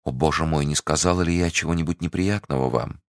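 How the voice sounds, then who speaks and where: A man's voice: a bass voice, fast, no echo, clean studio sound. A man voicing a timid, devoted young convent novice in love, speaking earnestly and trustingly. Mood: eager. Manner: earnest, trusting, easily startled.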